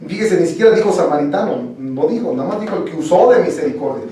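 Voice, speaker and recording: High-voiced Mexican preacher, echoey room. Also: male voice, expressive, fast, distant mic, crowd noise. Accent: Mexican Spanish. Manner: conversational, joking, quizzes the congregation. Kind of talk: interactive sermon. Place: church hall.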